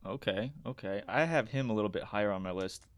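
A man with a deep, smooth voice co-hosts a sports countdown of top ten picks. He talks casually and with slang, offering opinions on each choice. The sound is dry and free of room echo. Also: fast talker. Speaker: fantasy football podcast co-host.

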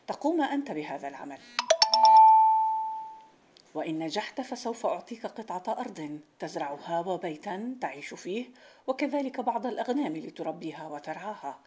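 A woman's voice: on the low side, expressive, a little fast, over music, natural voice. A woman reading the lines of a rich, bored, domineering middle-aged merchant in a folk tale. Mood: commanding. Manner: challenging, commanding.

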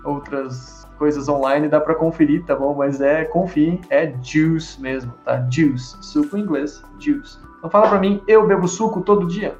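A man's voice: fairly high pitch, fairly even intonation, moderate pace, hardly any pauses, darkish tone, reverberant, muffled recording, soft background music. A Portuguese-speaking man teaching an English lesson, running repetition drills and praising his student often.

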